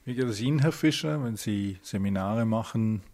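A Swiss man with a lowish voice conducts an interview at a calm, deliberate pace. He frames long, probing questions for his guests. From Switzerland. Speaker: interviewer, host. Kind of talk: radio interview.

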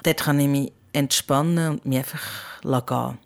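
This podcast host and parent speaks in a gravelly bass voice with a steady tone and normal speed, her Swiss German accent clear. She muses candidly and without a script, like someone recording a personal audio diary.

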